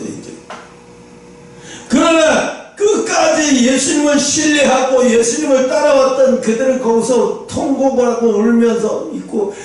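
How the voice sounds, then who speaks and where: A male pastor delivers a sermon with a strikingly high voice, telling the story animatedly and acting out what each person says. His voice rings through a very echoey church hall and is picked up from well away from the mic. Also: darkish tone, distant mic. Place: church sanctuary.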